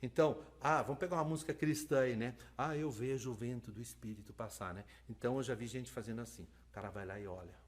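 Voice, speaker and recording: A man giving a lively live online lecture on interpreting, talking fast and checking in with his listeners. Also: mid-range voice. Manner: lively, talks fast, asks "né?" and "tá?". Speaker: lecturer on sign language interpreting.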